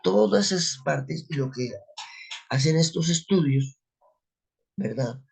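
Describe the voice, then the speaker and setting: A man's voice: on the high side, expressive, slow, vocal fry, a little mellow, husky. A man giving an unscripted Bible teaching, asking rhetorical questions and answering them himself. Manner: spoken, unscripted, with restarts. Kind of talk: religious teaching talk.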